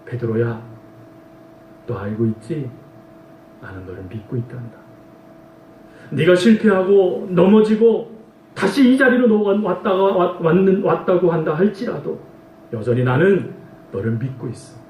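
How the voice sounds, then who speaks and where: A man voicing a gentle, reassuring Jesus, speaking slowly and softly in an echoey room. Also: sits high, close to an everyday voice. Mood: tender.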